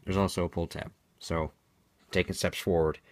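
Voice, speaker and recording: A man's voice: low-pitched, little pitch movement, normal speed, slight background noise. A man giving an unscripted product demonstration in a matter-of-fact, explanatory way, as a reviewer.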